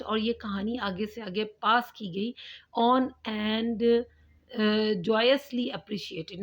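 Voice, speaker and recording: A woman teacher who reads English lines slowly and then explains them with synonyms, calling her students "beta". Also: mid-range voice, low-quality recording. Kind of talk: explaining an English novel chapter in Urdu-Hindi.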